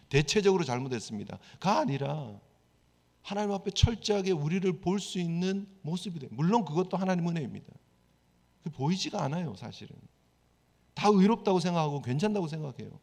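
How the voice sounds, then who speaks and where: Guy pastor preaching, slightly high voice, lots of rhetorical questions, echoey church hall. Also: a little mellow. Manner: conversational preaching with everyday examples and rhetorical questions. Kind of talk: sermon. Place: church sanctuary. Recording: long church hall reverb.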